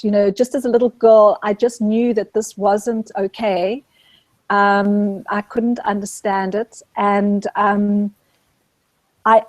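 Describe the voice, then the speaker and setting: A middle-aged Zambian woman, appearing as a guest, speaks gently and reflectively about her spiritual search in an interview, often pausing to restart her thought. Her voice is medium-pitched and there's no room sound.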